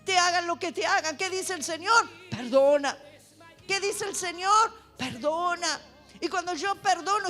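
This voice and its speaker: A woman preaching a fervent sermon in church, building to shouted exhortations. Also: high voice. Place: church sanctuary.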